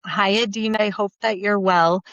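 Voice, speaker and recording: A woman leaving a tearful, halting voice memo, crying as she talks, with fillers and small laughs. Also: medium pitch, fairly even intonation, a bit bright, no room sound. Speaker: listener sending a voice message. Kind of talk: emotional voice memo. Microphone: phone. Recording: dull phone voice memo.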